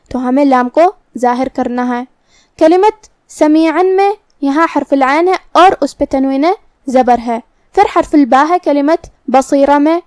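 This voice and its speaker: Female tajweed teacher, high voice, careful step-by-step explanations. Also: darkish tone, dry recording, clean studio sound. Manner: explains each letter rule methodically, then recites words slowly. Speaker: Quran recitation teacher. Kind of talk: tajweed lesson with slow recited examples.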